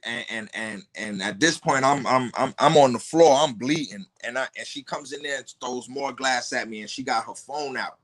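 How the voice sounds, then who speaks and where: A man in the guest seat of a podcast, retelling events in casual street slang. He curses freely and trips over his words, repeating them as he goes. His pitch sits in an ordinary middle range. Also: normal speed, hardly any pauses. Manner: stumbling repetitions and heavy street slang; profane, animated retelling. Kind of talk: casual storytelling.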